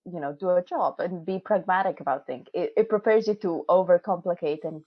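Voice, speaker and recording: Speaking briskly in a lowish voice, a non-native English speaker in her twenties, a PhD student, chats through a casual video call interview. She laughs a lot and fills her speech with fillers and restarts, and the audio is dull and dry.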